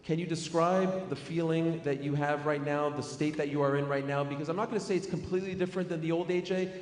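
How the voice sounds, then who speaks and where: A man's voice: on the high side, fairly even intonation, fast. A man hosting a press conference, chatty and playful, saying he is losing his voice. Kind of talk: press conference moderating, hype introductions. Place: large echoey press room. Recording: echoey hall, faint ambience.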